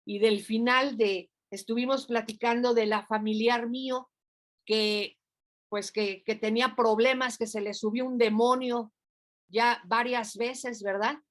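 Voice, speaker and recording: A woman's voice: a little high, steady tone, a little slow. An older woman pastor, preaching in a conversational way and acting out prayers and dialogue. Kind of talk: informal sermon.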